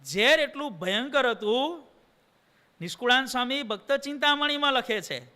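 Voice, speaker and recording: A man's voice: very high voice, expressive, moderate pace, pushed and bright. A man with a Gujarati accent preaching a devotional sermon, telling a story and acting out its dialogue with shifting voices. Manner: acts out dialogue, shifting voices between characters. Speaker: swami preacher.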